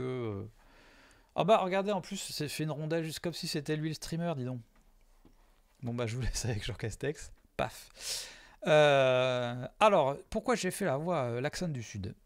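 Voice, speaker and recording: Gravelly man rambling through a live stream. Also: mid-range voice, no echo. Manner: hesitant, many fillers, self-mocking jokes. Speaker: streamer commenting on his own video. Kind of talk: casual live commentary.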